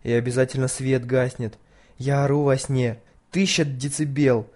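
A man's voice: mid-range voice, fairly even intonation, moderate pace, a little mellow, natural voice. A man voicing a frightened, chatty schoolgirl who squeals and pleads breathlessly.

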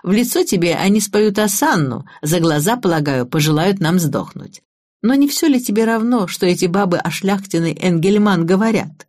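A woman's voice: mid-range voice, animated, normal speed, a little mellow, close to an everyday voice. A woman voicing a headstrong, cynical young woman who speaks bluntly and scornfully. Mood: gleeful.

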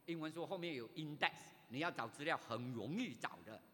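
An older male pastor from Malaysia, telling his own story in a sermon, animated, with sudden loud rises. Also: a little high, a little fast. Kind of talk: sermon, personal testimony. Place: church sanctuary. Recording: reverberant church hall.

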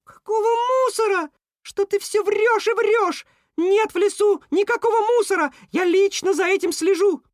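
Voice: extremely high pitch, moderate pace, no echo, studio quality, pitched above the performer's own voice. A storyteller voicing a fussy male rat who keeps the forest clean and squeals in outrage. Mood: outraged. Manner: squealing, indignant shouting.

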